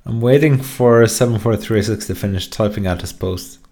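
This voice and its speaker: A man's voice: fairly low pitch, moderate pace, dark tone. A young man from Norway streaming live, bantering with his viewers in a joking, profane, offhand way. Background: faint song playing.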